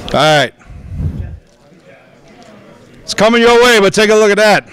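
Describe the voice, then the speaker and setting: A man working as an auctioneer at a convention, calling out bids in an upbeat, coaxing, rapid-fire way. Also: high-pitched, animated, fairly bright tone, clear, resonant tone. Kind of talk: live auction bid calling. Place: gaming convention event.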